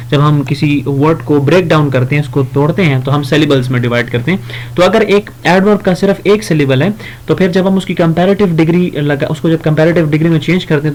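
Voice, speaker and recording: A man teaches grammar. He reads each example slowly and carefully, then explains it in a relaxed, conversational way, pausing on fillers and correcting himself as he goes. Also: a little high, a little hiss or hum. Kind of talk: grammar lesson.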